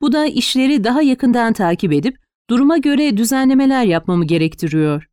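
A woman's voice: a little high, animated, fairly quick, mellow, no echo, pitched above the performer's own voice, close to an everyday voice. A woman reading as a wry rich man. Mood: matter-of-fact. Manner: dry, playful teasing. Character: wealthy teasing adult man, smooth and wry.

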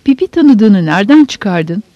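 A woman voicing a sharp-tongued, bossy older sister who scolds and nags sarcastically, in a dull, dry audiobook recording. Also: medium pitch, very animated, a little slow, no room sound. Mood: scolding.

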